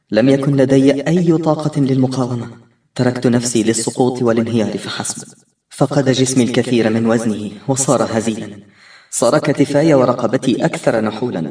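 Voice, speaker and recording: Man narrating an audiobook dramatically. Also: mid-range voice. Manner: expressive, tense first-person narration. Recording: roomy, distant-miked recording.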